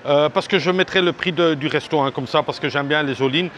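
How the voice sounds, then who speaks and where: A man's voice: on the high side, brisk, a bit bright. Rambling man vlogging on a noisy street. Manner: rambling, heavy on fillers and restarts; chatty and direct, addressing viewers. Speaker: travel vlogger. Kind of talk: casual walking vlog talk. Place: outdoors on a busy seaside street. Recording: street and traffic noise behind.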